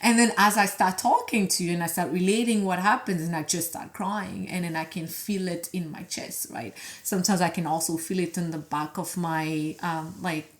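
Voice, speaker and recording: A woman in a casual podcast conversation, asking questions in searching, halting phrases with frequent restarts. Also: lowish voice, steady tone.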